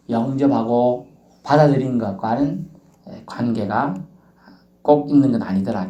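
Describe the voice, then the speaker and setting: Folksy pastor in an echoey hall. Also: male voice, medium pitch. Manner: lively folksy storytelling with acted dialogue. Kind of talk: sermon. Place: church.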